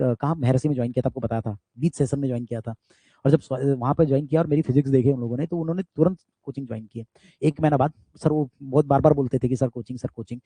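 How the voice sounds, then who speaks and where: An Indian physics teacher, speaking loudly and forcefully, breaks from his online class for an emphatic, motivational aside, talking straight to his students and repeatedly tagging questions to check they follow. His mid-range voice has a breathy edge, with no room sound.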